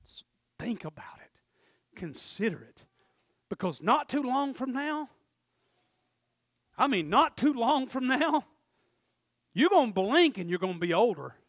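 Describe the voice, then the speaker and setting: A middle-aged man preaching a sermon, swinging from shouted urgency to low, intimate asides. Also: big pitch swings, unhurried, pauses often, no echo, clean studio sound.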